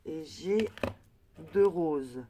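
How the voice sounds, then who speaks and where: A woman's voice: deep voice, lively intonation, extremely slow, background noise. A woman vlogger chatting casually through a crafting haul, hesitant and full of fillers and restarts. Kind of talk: casual product haul chat.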